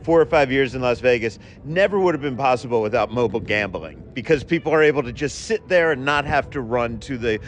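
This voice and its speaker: A man's voice: mid-range voice, lively intonation, brisk, hardly any pauses, a little hiss or hum. A man hosting a food podcast, asking guests long, chatty, probing questions. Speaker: podcast host. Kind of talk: interviewing, casual chat.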